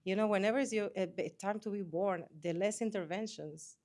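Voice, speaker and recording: A woman's voice: medium pitch, fairly quick, a little mellow. A woman working as a doula, speaking earnestly. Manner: earnest, repeats and restarts phrases. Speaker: doula, interview guest. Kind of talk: conversational interview.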